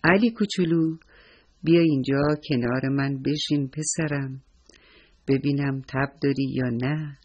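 A man voicing a kind, patient doctor who talks slowly and reassuringly. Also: medium pitch, darkish tone, breathy edge, muffled recording, lightly acted. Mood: kindly. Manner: slow, reassuring. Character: kind middle-aged male doctor, warm and patient.

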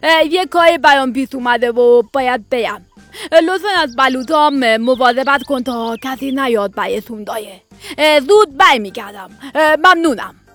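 A woman's voice: high-pitched, a bit bright, faint music behind. Woman doing a fretful uncle squirrel. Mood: polite. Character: fussy grown male squirrel, worried about his acorns.

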